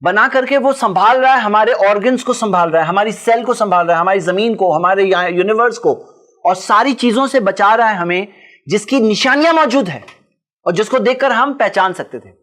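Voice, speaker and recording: A man's voice: high voice, normal speed, a bit bright. A man giving a religious talk and answering audience questions, explaining his points through lists of examples.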